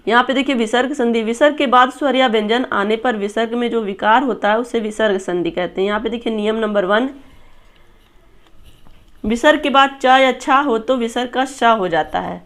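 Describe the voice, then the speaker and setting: A woman with a slightly high voice leads an exam-prep grammar lesson. She explains in a patient, repetitive way and walks through each example step by step, as if pointing at a board. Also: normal speed, fairly bright tone. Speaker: teacher.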